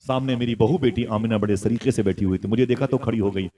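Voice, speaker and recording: A man preaches a sermon through impassioned storytelling that builds to loud exclamations, urging his listeners to call back. His voice is medium-pitched and his pace quick.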